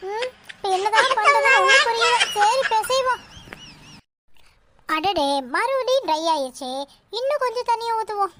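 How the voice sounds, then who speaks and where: A woman's voice: extremely high pitch, a bit bright, a little hiss or hum. A woman voicing a naive, chatty young daughter in a cartoon who talks to herself. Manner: chatty, naive, self-talking. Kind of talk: cartoon voice acting.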